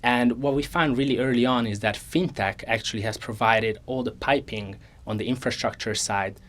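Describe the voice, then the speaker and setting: A man in his twenties from Hungary, a company co-founder answering interview questions in an earnest, measured way with frequent restarts. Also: mid-range voice, a bit bright. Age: 20s. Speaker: co-founder guest. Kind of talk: conversational interview.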